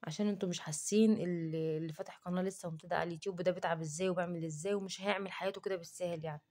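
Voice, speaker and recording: A woman's voice: lowish voice, steady tone, rapid-fire, a little mellow. A woman with an Egyptian Arabic accent, talking to camera in a casual cooking vlog and defending herself in an indignant rant. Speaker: cooking vlogger.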